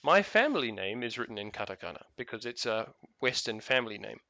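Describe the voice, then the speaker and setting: A man's voice: mid-range voice, very animated, brisk, bright, forceful tone, dry recording, muffled recording. A man with a New Zealand accent chatting casually while playing a game, rambling with lots of fillers and restarts. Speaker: gaming video host.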